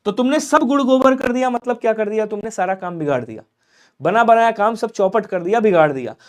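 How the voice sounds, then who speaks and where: High-voiced man teaching a live class. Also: expressive. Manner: coaxing, repetitive, quizzes viewers and urges quick answers. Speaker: Hindi grammar teacher. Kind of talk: live online exam-prep class.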